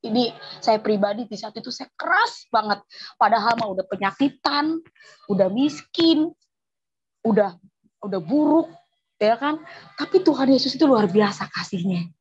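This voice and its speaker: Woman w telling her faith story, husky high voice, pretty emotional, muffled lo-fi sound. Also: animated, normal speed, pauses often. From Indonesia. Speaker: testimony giver. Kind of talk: personal religious testimony. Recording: dull lo-fi recording.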